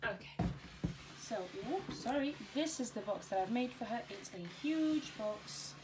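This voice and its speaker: A woman's voice: a little high, expressive, unhurried. Casual crafting vlogger, woman, rambling and self-correcting, noisy room with handling clicks. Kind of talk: casual chat while packing a gift box. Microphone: camera on tripod. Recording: clear background noise and handling clicks.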